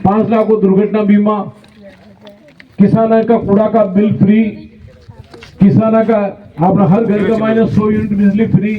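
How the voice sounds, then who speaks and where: A high-pitched man reels off welfare schemes in an even, flat tone. The sound is thin and tinny, as if picked up from afar. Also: a little slow, long pauses, far from the mic. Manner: lists benefits one after another. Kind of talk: campaign speech listing welfare schemes.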